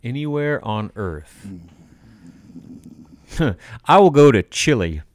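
A man's voice: medium pitch, big pitch swings, slow, no echo, studio quality. A man co-hosting a sports podcast, talking casually and laughing often. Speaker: podcast co-host.

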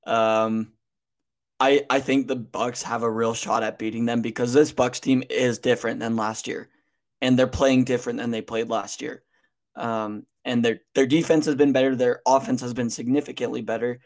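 A man co-hosting a casual sports chat in a mid-pitched, everyday voice. He talks in a measured way, often stopping on a drawn-out um before he goes on. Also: fairly even intonation, a little mellow. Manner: measured, pauses with frequent ums.

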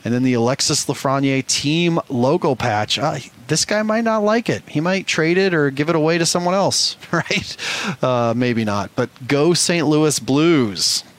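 A man's voice: a little high, expressive, normal speed, a bit bright. A man hosting a live show, reading out giveaway winners with an upbeat manner and drawing out names like an announcer. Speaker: show host.

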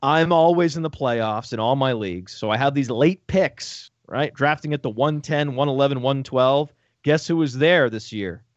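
A man talking fantasy football on a casual sports podcast, excitable and joking, with profane rapid asides. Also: medium pitch, dry recording. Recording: dull lo-fi dry audio.

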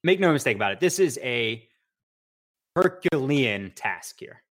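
A man's voice: mid-range voice, a little slow. Teasing podcast co-host, man. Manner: teasing, lively banter. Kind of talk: casual sports talk.

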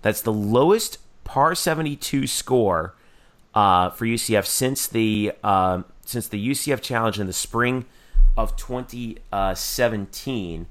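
Low-pitched man hosting casual sports talk. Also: a bit bright. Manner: halting, searching for words. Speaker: sports podcast host.

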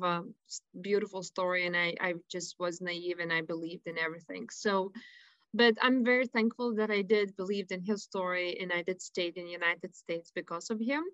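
A woman from Lithuania with a Lithuanian accent, a guest telling her life story on a radio show in earnest, halting English. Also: mid-range voice, bright, forceful tone, dry recording, muffled recording. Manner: earnest, halting, with frequent fillers. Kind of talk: personal storytelling interview.

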